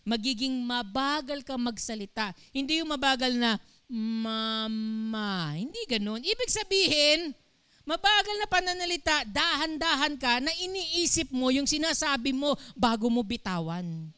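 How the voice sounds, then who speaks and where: A woman's voice: sits high, moderate pace, dry recording. A woman pastor from the Philippines, preaching a sermon animatedly and often asking the congregation questions. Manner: animated, asks the congregation questions, acts out quotes. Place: church.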